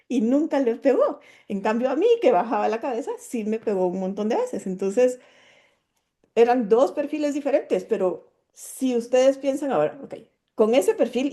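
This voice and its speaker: A middle-aged woman from Guatemala, a psychologist, telling her own story in an earnest, expressive way. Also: fairly high pitch. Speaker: psychologist and speaker. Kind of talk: personal testimony talk.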